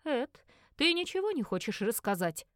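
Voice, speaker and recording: A woman voicing a grim, thoughtful father who speaks slowly and quietly. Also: big pitch swings, dry recording, clean studio sound. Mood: pensive. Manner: slow, low-key and pensive.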